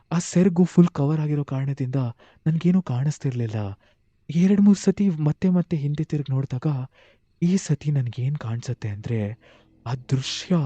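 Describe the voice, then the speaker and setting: Mellow-voiced man telling a horror tale. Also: mid-range voice, no room sound, muffled recording. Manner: animated, tense retelling, acts out dialogue. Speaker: horror story narrator. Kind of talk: dramatic first-person horror narration.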